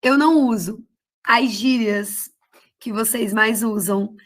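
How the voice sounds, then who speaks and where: A woman's voice: on the high side, slow pace. A woman teacher with a Cearense Brazilian accent, explaining a lesson in a chatty, affectionate way to her class. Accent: Cearense Brazilian Portuguese. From Ceará, Brazil. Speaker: Portuguese teacher. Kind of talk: online class lecture.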